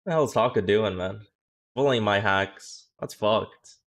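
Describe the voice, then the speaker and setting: This young streamer and coach has a lowish, slightly bright voice. In casual livestream chat he jokes with his viewers, curses freely, and fires off quick reactions.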